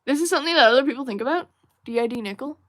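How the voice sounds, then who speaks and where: A woman's voice: sits high, lively intonation, very fast, fairly bright tone, no room sound. Rambling young woman streamer, dry sound. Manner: rambling, musing, many fillers and restarts; reads viewer chat aloud. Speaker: livestream host. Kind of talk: casual livestream chat while drawing.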